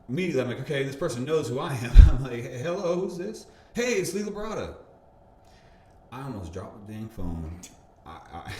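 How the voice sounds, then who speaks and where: Low-voiced bodybuilder guy rambling through a story, laughs a lot, roomy echo and faint hum. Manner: animated, laughs often, stumbles and restarts. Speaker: bodybuilder interviewee. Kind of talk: casual storytelling interview. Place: gym or park.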